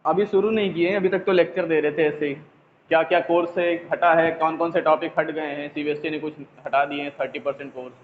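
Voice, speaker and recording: Chatty teacher scolding students on phone. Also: male voice, fairly high pitch, fairly even intonation, fast talker. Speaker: physics teacher. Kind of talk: online class, casual teasing. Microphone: mobile phone. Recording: echoey, tinny phone line, faint noise.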